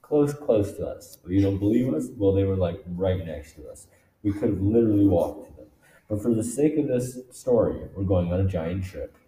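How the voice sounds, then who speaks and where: A man's voice: sits low, expressive, moderate pace, mellow. A man narrating a goofy amateur comedy sketch in a mock-dramatic way. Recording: echoey room.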